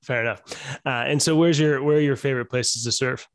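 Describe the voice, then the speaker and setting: A man's voice: medium pitch, steady tone, a little fast, no room sound, clean studio sound. A man in his forties hosting an interview from his home office, asking questions with friendly enthusiasm. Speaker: host. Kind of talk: casual interview conversation.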